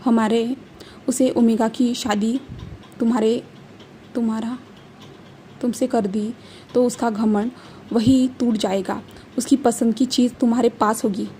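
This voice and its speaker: Brief: woman voicing a bossy, scheming clan father, scolding, mellow tone. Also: on the high side, fairly even intonation, measured pace, pauses often, slight background noise, close to an everyday voice. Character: scheming domineering older father, a clan leader.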